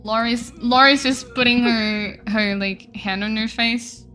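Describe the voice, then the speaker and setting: Bright-voiced woman game master. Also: on the high side, measured pace, soft background music. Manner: casual, animated storytelling. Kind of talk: narrating a tabletop game.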